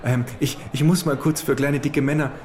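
A man voicing a small, fat, fawning male food executive who talks in a high falsetto and stammers, repeating his words. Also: steady tone, moderate pace, a little mellow, a little hiss or hum, close to an everyday voice. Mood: eager, flustered.

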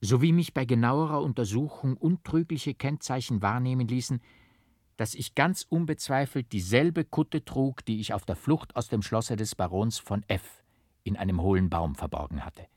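A man narrating a literary novel in a measured, dramatic storytelling manner. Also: medium pitch, a little mellow, dry recording, studio quality. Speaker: audiobook narrator.

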